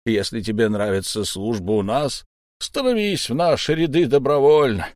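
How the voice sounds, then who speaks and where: A man voicing a sly, smooth-talking old pirate captain whose mock friendliness hides a threat, in an audiobook. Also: mid-range voice, moderate pace, darkish tone, no echo, clean studio sound, natural voice. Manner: mock-friendly, coaxing, menacing underneath.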